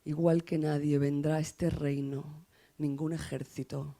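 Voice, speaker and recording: Woman from spain reading her poem, slow and grave, low mellow tone. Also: level tone. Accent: Spain Spanish. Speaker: poet reading her own work. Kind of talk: poetry recitation.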